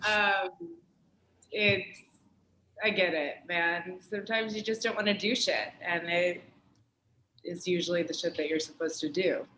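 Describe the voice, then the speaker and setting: A woman's voice: lowish voice, fairly even intonation, unhurried, long pauses, pushed and bright. A woman from California, a spiritual guest speaking bluntly and swearing casually. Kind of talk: casual chat. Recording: echoey room with faint noise.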